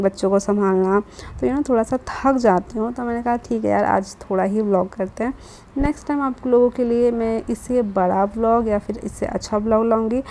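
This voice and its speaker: A woman's voice: fairly high pitch, mellow, slight background noise. A young woman from India, a mother of two, talking casually to camera in her vlog and slipping English words into her chat. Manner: chatty, slips English words into Hindi.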